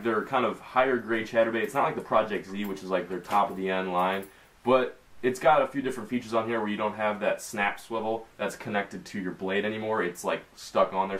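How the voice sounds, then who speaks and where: Young male vlogger, Midwestern American accent, slightly low voice, loose and chatty, filmed at a desk in a small bedroom. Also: a bit bright, slight background noise. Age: young adult. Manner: chatty, casual, lots of fillers and slang. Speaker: fishing tackle vlogger. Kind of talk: casual unboxing vlog.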